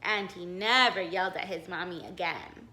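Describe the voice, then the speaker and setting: Reading a picture book to small children, this female teacher sounds lively and supportive, pausing to quiz her listeners. Her voice sits on the lower side, and the recording quality is poor.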